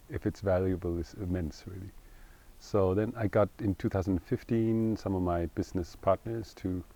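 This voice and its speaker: Man, very low voice, warm mellow tone, earnest, reflective interview talk. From Denmark. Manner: thoughtful, earnest, pauses to find words. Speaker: co-founder interviewee.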